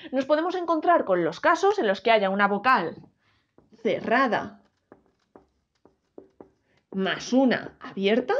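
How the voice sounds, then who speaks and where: A woman with a Spanish accent from Spain, teaching a grammar lesson and sounding out words slowly, syllable by syllable. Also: on the high side, animated, a little hiss or hum. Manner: slow, careful syllable-by-syllable demonstration. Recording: dull lo-fi recording.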